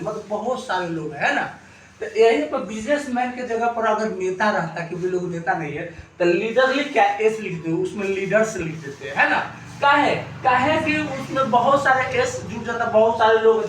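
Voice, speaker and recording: A male teacher, high-pitched and bright, drills a class with repeated questions. His voice bounces around a very echoey room and sits some way from the mic. A faint hum of ambience runs behind him. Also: recorded from a distance. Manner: asks the class rhetorical questions and repeats answers. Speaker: English teacher. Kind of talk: classroom grammar lesson.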